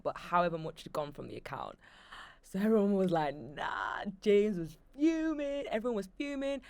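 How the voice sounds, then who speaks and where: A woman's voice: fairly low pitch, no room sound. A young woman, telling stories animatedly as a guest in a casual interview. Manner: chatty, animated storyteller with lots of fillers.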